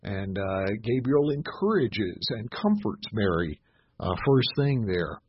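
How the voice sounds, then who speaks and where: Husky-voiced man preaching, halting and unhurried. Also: fairly low pitch, expressive, dry recording, dull audio. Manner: halting, many "uh" fillers and restarts; reads scripture aloud slowly with emphasis. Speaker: pastor. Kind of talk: sermon.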